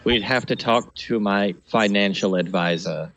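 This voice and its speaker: A man voicing a sly bar owner who murmurs his lines in a low drawl. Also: a little slow, a bit bright.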